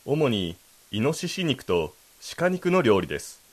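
A man's voice: mid-range voice, big pitch swings, unhurried. A man co-hosting a language lesson, explaining and rephrasing lines in a polite, explanatory manner. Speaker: co-host.

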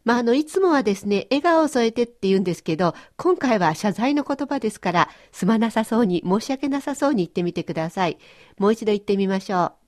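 A woman hosting a radio language lesson, explaining phrases in a friendly, clear, instructive way. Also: mid-range voice, animated, fast talker, darkish tone. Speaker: language teacher and host.

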